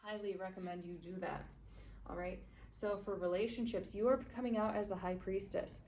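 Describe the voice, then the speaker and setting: A woman giving an intuitive tarot reading to her viewers, gentle and encouraging, often checking in with "okay?" and "all right?". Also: mid-range voice, fairly even intonation, normal speed. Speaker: tarot reader. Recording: voice a bit far from mic, faint background noise.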